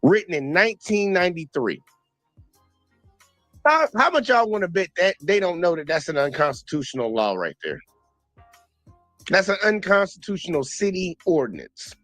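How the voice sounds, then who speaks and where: A man streaming his reaction to a police video, talking in blunt, animated casual commentary and repeating points for emphasis. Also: high-pitched, normal speed, long pauses, no room sound, soft background music.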